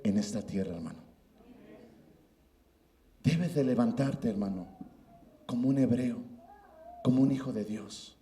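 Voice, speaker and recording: A man's voice: medium pitch, mellow, echoey room. A middle-aged man preaching a sermon as pastor, emphatic and often addressing listeners as brother. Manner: emphatic, repeats "hermano" often.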